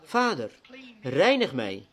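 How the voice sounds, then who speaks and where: An older man, a pastor, praying fervently from the pulpit in a halting, pleading sermon prayer. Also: medium pitch, wildly swooping pitch, a bit bright.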